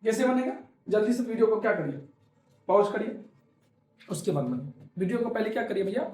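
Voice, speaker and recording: A chemistry teacher lectures his class at a fairly quick pace, his high-pitched, darkish voice full of expression in an echoey room. He coaxes along, repeats himself, and poses questions only to answer them on his own.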